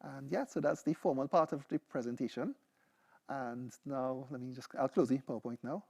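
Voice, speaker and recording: A young man's creaky, slightly mellow voice of medium pitch carries a seminar talk at a moderate pace. He's a PhD candidate with a Trinidadian accent presenting with a live demo, speaking loosely and conversationally and often checking in with "right?" and "you know".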